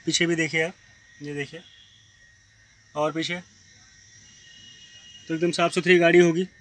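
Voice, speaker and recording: A man gives a brisk, repetitive sales pitch while walking around cars on an outdoor lot, filming on a handheld phone. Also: level tone, fairly bright tone. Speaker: used car dealer. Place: outdoor used car lot. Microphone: handheld phone camera. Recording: faint outdoor street noise.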